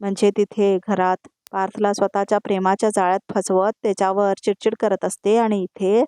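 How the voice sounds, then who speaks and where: A woman's voice: medium pitch, flat delivery, brisk, warm tone, clear, resonant tone, no echo, close to an everyday voice. A woman voicing an upset, indignant middle-aged mother in a dry recording. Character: anxious angry middle-aged mother Manini.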